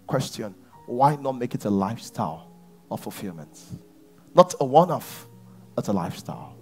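A pastor in his thirties with a Nigerian English accent, preaching a sermon on a large church stage and swinging from shouts to near whispers. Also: mid-range voice, sing-song, moderate pace, slightly rough, soft background music.

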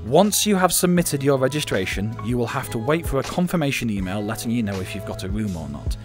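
A man's voice: medium pitch, very animated, fairly quick, soft background music. A man narrating a scripted guide in an instructive way, stressing his key points. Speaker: channel host giving advice.

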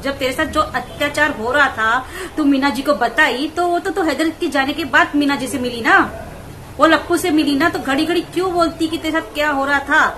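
A woman vlogger giving mocking, scolding commentary on clips in rapid rants. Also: high-pitched, bright, forceful tone, a little hiss or hum, rough recording.

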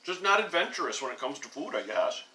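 A man's voice: a little high, big pitch swings, fast, pushed and bright. An American man chatting easily and telling stories at a home table while eating, talking with his mouth full. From United States. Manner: easygoing, chatty storyteller. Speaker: mukbang co-host. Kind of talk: casual chat while eating. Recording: roomy sound, away from the mic.

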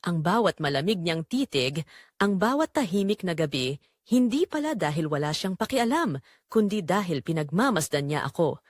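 Speaking at a moderate pace in a lowish voice with wide swings in pitch, a woman plays a married mother wracked with guilt who confesses to a secret affair. Her first-person narration is emotive, confessional, guilty and troubled, recorded in a clean studio with no room sound.

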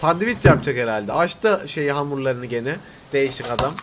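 A man's voice: medium pitch, animated, moderate pace, background noise. A young man casually commenting on videos he is watching, teasing and mocking what he sees. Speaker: reaction video host.

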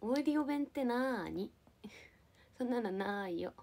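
A woman's voice: on the high side, lively intonation, a little slow, darkish tone, slight background noise. A young woman from Japan casually chatting with viewers on a livestream, playful and giggly as she answers comments. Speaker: live streamer.

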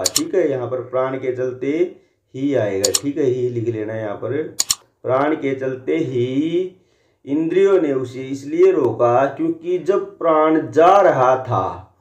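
A man teaching a primary school lesson, speaking slowly and going over each answer again so the children can copy it down. His voice sits at an ordinary pitch, and the lo-fi recording sounds dull and roomy. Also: darkish tone. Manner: slow, repetitive, dictating answers to children.

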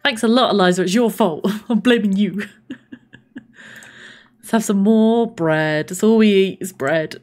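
A woman's voice: mid-range voice, a little slow, long pauses, a little mellow. A woman streaming a life-simulation game, chatting casually and gushing thanks to her viewers. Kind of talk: casual gameplay live stream chat.

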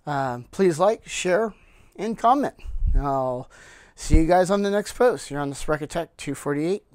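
A man hosting his own channel, casually showing his equipment cases off camera, with lots of fillers and frequent throat clearing. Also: on the high side, expressive, measured pace, darkish tone, no echo. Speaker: channel host reviewing gear cases. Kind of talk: casual product show-and-tell. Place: indoor room with cloth backdrop, speaking off camera.

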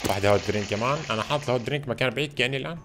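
A man giving excitable, chatty let's-play commentary and constantly calling out to his viewers. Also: medium pitch, very fast. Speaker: gaming channel host. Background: game background music.

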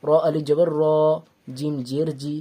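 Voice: mid-range voice, little pitch movement, measured pace, warm tone, slightly rough. A teacher giving a Quran reading lesson, patiently spelling out letters syllable by syllable and drawing out the long vowels. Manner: patient, repeats each step and checks understanding.

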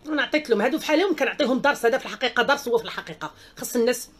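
A Moroccan woman hosts a casual live stream, greeting viewers and answering their comments. She talks at a rapid clip in a fairly high voice, outspoken and emphatic, often repeating her exclamations. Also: animated, fairly bright tone, husky.

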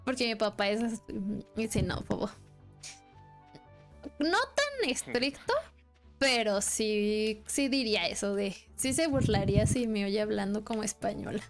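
Here a young woman speaks in a medium pitch, expressive and unhurried, with a Mexican accent. She's casually chatting on a game live stream, rambling and laughing a lot over faint background music.

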